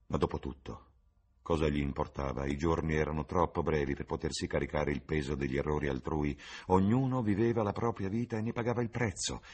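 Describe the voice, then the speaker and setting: A man reading a novel aloud in a measured, dramatic audiobook narration. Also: low-pitched, darkish tone, husky. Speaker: reader.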